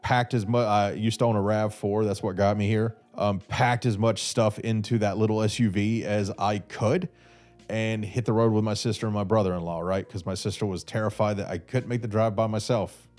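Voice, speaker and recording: A North Carolina man in his thirties speaks in a lowish, darkish, steady voice at a moderate pace while hosting his podcast. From an armchair in a small room with a brick wall, he answers listener questions into a red boom-arm studio mic. He's slightly stuffy from a cold, and his talk rambles with many fillers and restarts.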